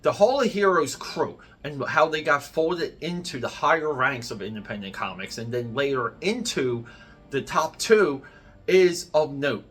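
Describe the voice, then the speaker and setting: A man's voice: medium pitch, a bit bright. A middle-aged man delivering an opinionated rant to an online audience, worked up, emphatic and blunt. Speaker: comics YouTuber.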